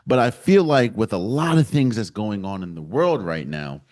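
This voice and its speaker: A man hosting a solo sports podcast, with a lowish voice that swings widely in pitch. He talks through his opinions with emphatic, animated energy, like someone commenting on the games he follows. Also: moderate pace. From United States. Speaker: podcast host.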